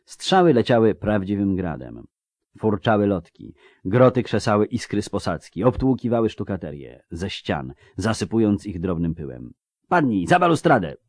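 A man narrating an audiobook in a steady, dramatic reading style. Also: lowish voice, moderate pace, no room sound, clean studio sound. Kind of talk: scripted narration.

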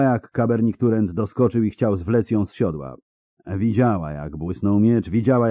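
A man reading a fantasy novel as an audiobook narrator, in a steady, dramatic delivery. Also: lowish voice, breathy edge, no room sound.

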